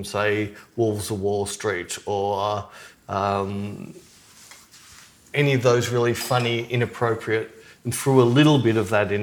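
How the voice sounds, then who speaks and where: A man co-hosting a podcast, chatting casually and telling rambling, opinionated stories. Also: on the low side. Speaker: podcast co-host. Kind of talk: casual chat.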